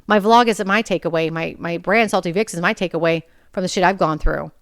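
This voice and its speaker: A woman's voice: fairly low pitch, fairly quick, dry recording, clean studio sound. A woman in her forties hosting a personal podcast, talking in a candid, blunt way and swearing freely. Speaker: podcast host.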